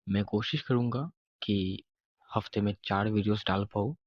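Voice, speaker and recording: A man's voice: fairly low pitch, steady tone, moderate pace, no echo, muffled recording. A man teaching a beginner language lesson, saying each example word and its meaning twice. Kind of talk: slow spoken lesson.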